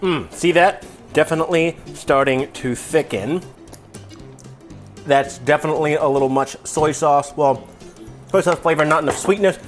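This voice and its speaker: Tipsy higher-pitched man hosting a cooking video. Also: normal speed, long pauses, faint music behind. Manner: tipsy, loose, rambling drunk delivery; irreverent, mildly profane. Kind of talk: casual comedic cooking lesson. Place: home kitchen.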